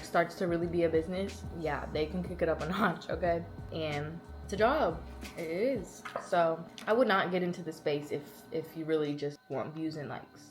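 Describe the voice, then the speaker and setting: In a relaxed, talkative Q&A, a woman in her early 20s who makes content fields questions with playful, lively slang. Her voice sits lowish.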